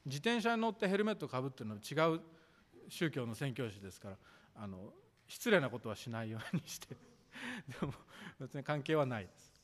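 A man preaching a sermon as pastor, measured and formal, drawing out the ends of his sentences. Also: mid-range voice, animated. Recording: echoey hall reverb.

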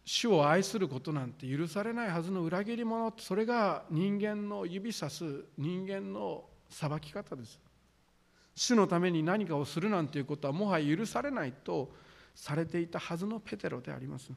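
牧師の男性が、丁寧な文末で、ゆっくりと厳かに説教している。. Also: male voice, high voice, animated, creaky. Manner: solemn, deliberate preaching with formal sentence endings. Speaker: pastor. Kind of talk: sermon.

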